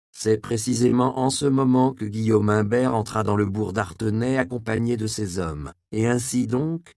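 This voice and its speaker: A man reading a historical novel aloud as an audiobook narrator, with measured storytelling. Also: lowish voice, creaky, darkish tone, dry recording, clean studio sound. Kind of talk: scripted narration.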